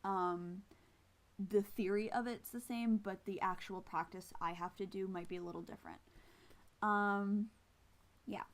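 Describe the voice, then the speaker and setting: Her voice is mid-range and steady, at normal speed: a woman flute player, missing some teeth, giving a casual tutorial with demonstrations. She's self-deprecating and hesitant as she explains.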